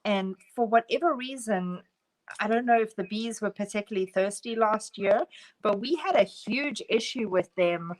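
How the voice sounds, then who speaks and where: A woman co-hosting a casual chat, relaxed and laughing often as she tells a story. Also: mid-range voice, normal speed. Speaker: co-host.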